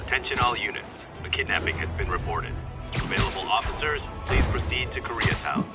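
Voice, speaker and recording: A police dispatcher over the radio. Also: male voice, medium pitch, a little fast, over loud music. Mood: official. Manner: formal announcement. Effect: police radio broadcast. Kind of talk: video game dialogue.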